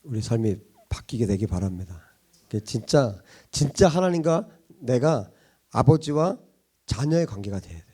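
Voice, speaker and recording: Husky, lively-voiced man preaching. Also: mid-range voice, normal speed. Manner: conversational, animated, chuckling, many rhetorical questions. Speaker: pastor. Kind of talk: sermon.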